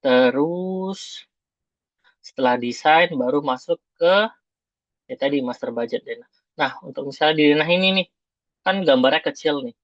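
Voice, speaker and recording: A man's voice: fairly high pitch, normal speed, pauses often, no echo, highs cut off. A man giving design feedback to students over a choppy, breaking-up video call, hesitant with many fillers and restarts. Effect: choppy, breaking-up online call audio. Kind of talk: informal critique on a video call.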